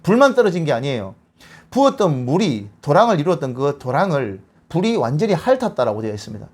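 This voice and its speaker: A man giving a bible lecture, retelling scripture as a lively story and acting out the quotes. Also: on the high side, quick pace.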